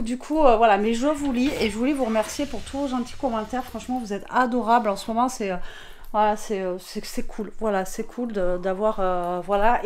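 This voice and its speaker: A woman with a hoarse, raspy voice chatting casually in a vlog, tired and rambling with many fillers. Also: a little high, darkish tone, slight background noise. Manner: rambling, many fillers, talks to her pet. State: tired, worn out. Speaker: vlogger.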